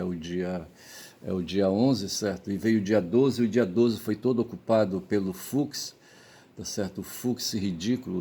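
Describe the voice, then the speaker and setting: Hungover man for casual rambling commentary; deep, creaky voice, halting delivery. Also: mellow. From Brazil. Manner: halting, repeatedly checks with tag questions. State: hungover, tired. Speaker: vlogger giving commentary.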